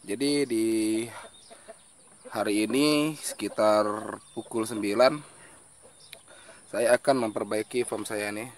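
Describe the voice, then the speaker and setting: A man's voice: fairly low pitch, steady tone, slow pace, pauses often, a little hiss or hum. A man talking casually into a handheld phone outdoors, explaining his fish farm work step by step. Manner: chatty, explaining step by step, frequent "ya". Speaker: hobby guppy farmer and vlogger. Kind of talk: casual outdoor vlog narration. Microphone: handheld phone camera.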